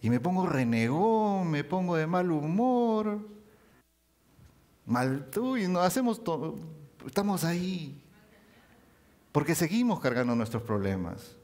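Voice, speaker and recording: A man preaching a sermon, speaking in an animated way, rising and dropping his voice for emphasis. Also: a little high, takes it slowly, long pauses.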